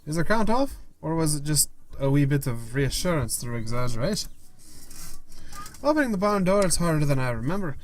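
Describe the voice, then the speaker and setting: A man reading a story game's text aloud, expressive, with quick asides to viewers. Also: on the high side, a little hiss or hum. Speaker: gaming YouTuber.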